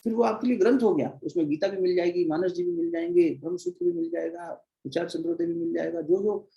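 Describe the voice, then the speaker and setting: A man's voice: sits high, steady tone, fast, creaky, warm tone, highs cut off. A man teaching at a devotional gathering, telling parables and repeating phrases for emphasis. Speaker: spiritual teacher. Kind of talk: devotional discourse.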